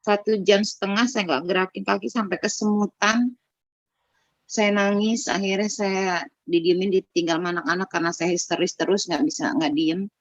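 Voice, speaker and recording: A woman's voice: mid-range voice, steady tone, moderate pace, dry recording. Earnest middle-aged woman on a dull call. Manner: candid, earnest storytelling with many restarts. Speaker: participant sharing a personal story. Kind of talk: casual conversation on a video call. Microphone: video call microphone. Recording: dull lo-fi video call audio.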